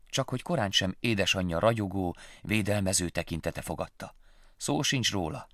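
A man reading a children's story aloud with expressive, lively storytelling. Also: low voice, dry recording, studio quality.

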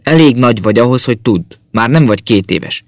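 A man voicing an angry, impatient father who shouts in an audiobook. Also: mid-range voice, expressive, dry recording, studio quality, close to an everyday voice.

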